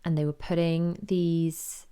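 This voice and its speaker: A woman's voice: on the low side, level tone, slow, warm tone, clear, resonant tone. A woman, hosting a podcast and chattily retelling a story with quoted voices. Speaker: podcast host. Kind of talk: casual chat.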